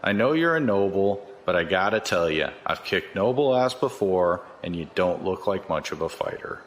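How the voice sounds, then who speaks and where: In a science fiction audio drama, a male actor plays a cocky, folksy, corrupt security chief who talks in a chatty, colloquial way. His voice is low and animated at a moderate pace, sounding smug and threatening.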